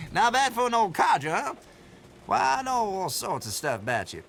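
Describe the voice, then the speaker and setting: An actor playing a folksy, teasing old country shopkeeper with an American Southern accent and a youthful, sprightly manner, in a video game. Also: male voice, sits high, wildly swooping pitch, normal speed, gravelly, fairly bright tone, a little hiss or hum, exaggerated voice. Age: older. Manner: youthful, spry elder, folksy and playful. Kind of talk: video game character dialogue.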